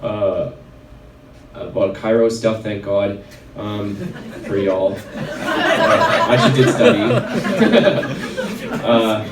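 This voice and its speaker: A man's voice: lowish voice, animated, very slow, noisy background. A man, telling a personal story at a wellness event in a casual, rambling way full of fillers. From Red Deer, Alberta, Canada. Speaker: chiropractor speaking at a wellness event. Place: event venue. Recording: roomy sound from a distant mic.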